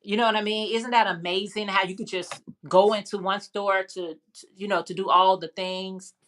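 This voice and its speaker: At a moderate pace and in a steady, slightly bright mid-range voice, a livestream host with a Chicago accent chats casually and answers viewer comments. She rambles, restarting sentences and leaning on frequent fillers.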